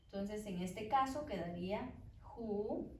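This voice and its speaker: A woman teaching an English grammar lesson, explaining slowly and carefully and drawing out each example word. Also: mid-range voice, animated, darkish tone, a little hiss or hum. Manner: slow, careful, stretches example words while writing. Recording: echoey room, voice from far off the mic.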